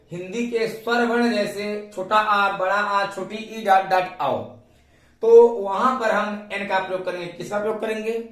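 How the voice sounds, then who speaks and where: A man's voice: high voice, a bit bright, distant mic. Indian man teaching grammar in an echoey room. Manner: repeats questions to students. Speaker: English teacher. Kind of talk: classroom grammar lesson.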